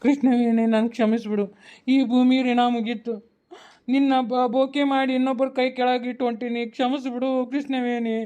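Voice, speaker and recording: A woman's voice: on the high side, little pitch movement, normal speed, dark tone, smooth, natural voice. A woman voicing a remorseful young village husband in a cartoon, pleading in a mournful farewell with a North Karnataka Kannada accent. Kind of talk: cartoon voice acting. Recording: dull lo-fi recording.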